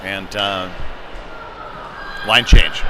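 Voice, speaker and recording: A play-by-play commentator calls a youth-league-style hockey game live at an indoor ice rink, following the puck. His voice sits low, with fairly even intonation and drawn-out words. The noisy arena adds clatter and hum behind him.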